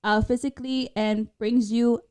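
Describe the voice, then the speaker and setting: A woman's voice: on the high side, little pitch movement, normal speed, darkish tone, clean tone. A woman in her twenties co-hosting a casual podcast, chatting and laughing often and dropping Spanish phrases into her English. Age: 20s. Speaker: podcast co-host. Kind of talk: casual chat.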